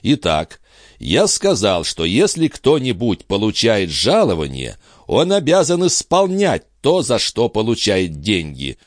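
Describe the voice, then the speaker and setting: A man reading aloud, voicing a calm, ironic orator who lectures a crowd in a measured, gently mocking way. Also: fairly low pitch, dry recording, clean studio sound.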